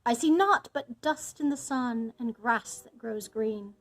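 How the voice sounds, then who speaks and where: A woman's voice: fairly high pitch, unhurried. A woman voicing a watchful sister who calls out from a tower in a storybook tale, in a lilting, declaiming manner. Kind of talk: dramatised fairy-tale storybook reading.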